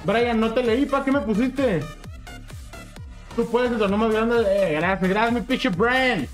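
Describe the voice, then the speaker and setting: A man's voice: extremely high pitch, unhurried, soft background music. A young man with a Mexican accent, streaming a game and chatting with viewers in a hyped, slangy way. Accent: Mexican Spanish. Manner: hyped, slangy, keeps urging chat. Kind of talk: casual livestream chat with viewers.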